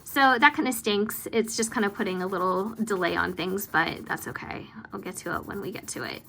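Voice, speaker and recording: A woman vlogger giving casual, rambling, self-deprecating commentary as she works, with vocal fry at the ends of her phrases. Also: mid-range voice, a little fast, pushed and bright, rough recording. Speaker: planner vlogger hosting budget updates. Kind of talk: casual chatty voice-over commentary while working.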